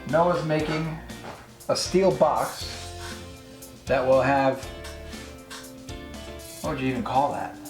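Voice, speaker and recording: A man's voice: medium pitch, slow, pauses often, echoey room, soft background music. A man hosting his own project vlog, chatting casually and explaining each step as he works in his home garage. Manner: chatty and self-deprecating, explains steps as he works. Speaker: host of a DIY project channel.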